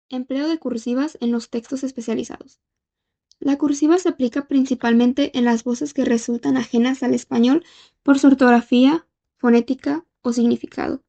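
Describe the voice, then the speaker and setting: A woman giving a lesson from her notes, slowing down to spell out example words, with small slips and fillers. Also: a little high, dark tone. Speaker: lecturer. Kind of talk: reading lecture notes on Spanish orthotypography. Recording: dull lo-fi audio.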